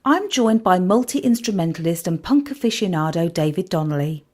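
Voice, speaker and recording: A woman's voice: on the low side, moderate pace. A woman hosting a podcast interview, introducing her guest and teasing him with frequent laughs. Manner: lively, laughs often, teasing. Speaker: podcast host.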